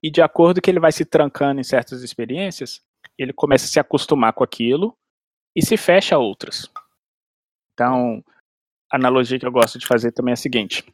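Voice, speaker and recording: In a relaxed chat, a male guest who is a language expert walks through language learning, leaning on everyday comparisons and acted-out inner monologue and restarting frequently. He speaks fairly quickly at medium pitch, and the studio-quality audio has no room sound.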